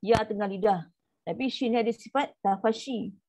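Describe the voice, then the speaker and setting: A woman with a Malaysian Malay accent teaching an online tajwid class, stretching out the demonstration syllables between quick explanations. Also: fairly high pitch, a little mellow. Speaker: Quran recitation teacher. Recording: muffled lo-fi audio.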